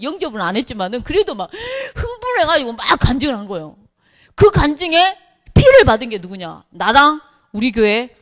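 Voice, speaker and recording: A middle-aged woman, a pastor's wife, telling a humorous church testimony with lively storytelling, acting out what others said. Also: sits high. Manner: lively storytelling, acts out quotes, laughs often.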